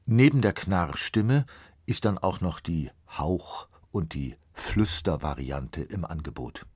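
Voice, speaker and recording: A man narrating a radio feature in a smooth, measured, scripted way. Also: deep voice, animated, a little mellow, no room sound, clean studio sound.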